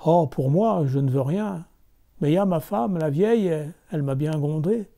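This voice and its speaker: A man voicing a patient, humble old fisherman in a storybook reading, speaking gently. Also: fairly high pitch, expressive, normal speed, creaky.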